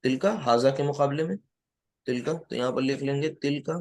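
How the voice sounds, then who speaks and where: A man's voice: medium pitch, a little mellow. Man teaching grammar, quizzing his class. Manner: asks students questions, repeats key words slowly. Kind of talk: classroom lecture.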